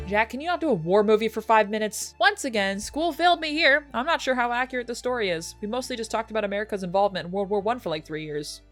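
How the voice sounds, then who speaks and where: Young female film reviewer, sarcastic and profane, lively swooping delivery, faint music under her. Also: fast talker, few pauses. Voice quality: sarcastic, swears freely. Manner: animated, pitch jumps for jokes. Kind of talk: casual chat.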